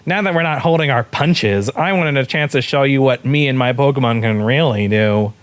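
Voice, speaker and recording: A man's voice: medium pitch, normal speed, no echo, close to an everyday voice. A man voicing a boastful young man trainer with a nasal, pompous way of talking. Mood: smug.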